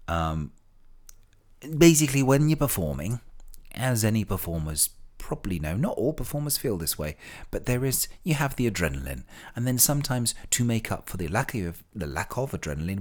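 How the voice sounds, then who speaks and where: A man hosting a podcast in a chatty monologue, theatrical and effusive, drawing out words. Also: lowish voice. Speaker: podcast host and stage performer.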